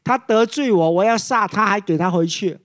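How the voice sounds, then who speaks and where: A preacher voicing a scornful king in a sermon story, loud and laughing at others. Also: medium pitch, moderate pace, no echo, clean studio sound, natural voice. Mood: mocking. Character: scornful mocking male king.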